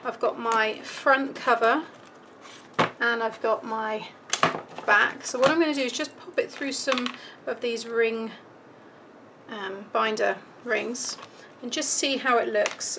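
Her voice is on the high side, even in tone and measured in pace, with noise audible in the background. She's a British woman thinking aloud through a casual, chatty craft tutorial at an indoor table, step by step, and she's starting to lose her voice.

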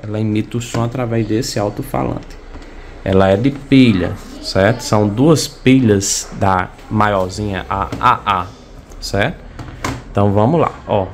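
A man's voice: on the low side, unhurried. A young man with a Brazilian accent giving a casual, conversational gadget review into a phone indoors. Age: young adult. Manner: conversational, frequent tag questions. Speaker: product review vlogger. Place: small indoor room at home. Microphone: phone at arm's length. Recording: faint background room noise.

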